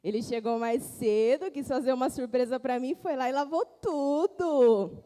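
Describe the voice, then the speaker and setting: A woman's voice: high-pitched, a little slow, warm tone. A woman voicing a mother who is pleased and surprised. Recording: echoey hall from a distance.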